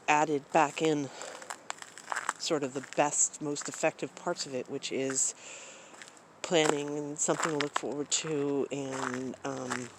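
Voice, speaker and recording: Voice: mid-range voice, noisy background. Rambling vlogger talking into a phone. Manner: rambling, many fillers and restarts. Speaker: travel vlogger. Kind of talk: casual rambling monologue. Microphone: phone camera.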